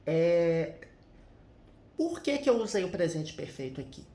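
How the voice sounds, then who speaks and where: A man's voice: fairly high pitch, very animated, unhurried, mellow, reverberant. A man teaching English grammar in a casual, chatty way, often adding little tag questions as he explains.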